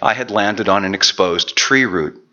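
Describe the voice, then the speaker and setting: A man's voice: lowish voice, measured pace, pushed and bright, highs cut off. A man preaching a sermon and telling a personal story with self-deprecating, chatty asides. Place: church.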